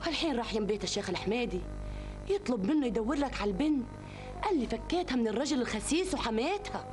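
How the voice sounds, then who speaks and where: A woman acts an affectionate old Bedouin mother in a television drama. Her Bedouin Arabic comes quickly, with lively swings of pitch and music behind it. She is tender and reassuring. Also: close to an everyday voice. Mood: fond, explaining. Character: affectionate elderly Bedouin mother, eager to see her son married.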